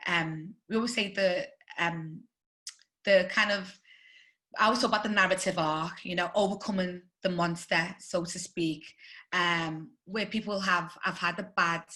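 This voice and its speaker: A woman with a Scouse accent tells her stories over a video call. Her voice is bright and ringing, and she is animated and quick to laugh as a webinar guest. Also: on the low side. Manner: animated storytelling with frequent laughter. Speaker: guest journalist and presenter.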